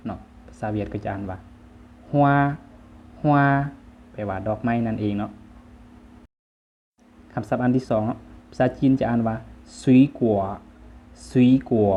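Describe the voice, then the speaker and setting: A man with a Lao accent giving a vocabulary lesson, saying each word twice, louder and higher, between plain friendly explanations. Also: a little hiss or hum. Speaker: language teacher. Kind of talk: vocabulary lesson, reading words aloud twice. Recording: dull lo-fi sound.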